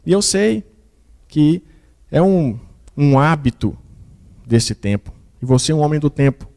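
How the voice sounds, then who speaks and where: A man voicing an older wife who speaks softly and forgivingly, in a mellow tone. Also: on the high side, lively intonation, a little slow, gravelly, voice pushed up. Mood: gentle forgiving.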